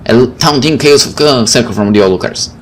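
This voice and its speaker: A man with a mid-range voice talks at a quick pace while hosting a game video. He reads the story narration aloud and adds relaxed, wry asides, with faint game music underneath.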